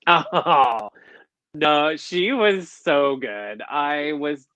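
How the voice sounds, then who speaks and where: A man co-hosting a casual review chat, effusive and animated, on a video call mic. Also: fairly high pitch, very slow, dry recording. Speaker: co-host. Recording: dull lo-fi dry sound.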